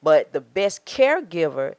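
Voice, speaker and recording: A woman's voice: low-pitched, sing-song, measured pace, a little mellow, dry recording. Earnest Southern woman in her forties. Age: 40s. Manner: earnest, advising, acts out quoted thoughts. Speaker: marriage coach. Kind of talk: casual faith-based podcast talk.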